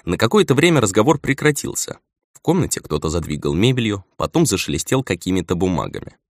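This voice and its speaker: A man reads a first-person story aloud with a dry, ironic edge. His low voice moves a lot in pitch and sits close and dry. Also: very animated, quick pace, dry recording. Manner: wry, ironic asides. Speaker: audiobook narrator. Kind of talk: first-person audiobook narration.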